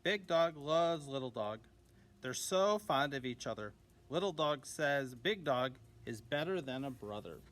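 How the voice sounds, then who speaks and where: A man reading a children's picture book aloud as a teacher, gently and expressively, giving the dogs little voices. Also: medium pitch, lively intonation, measured pace. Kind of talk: children's storybook read-aloud.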